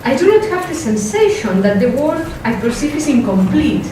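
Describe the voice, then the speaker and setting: A woman philosopher with a strong Spanish accent delivers an academic workshop talk, careful and measured, hesitating with fillers away from her script. Her slightly high voice shows big pitch swings and comes from a distant mic in a very echoey, noisy room.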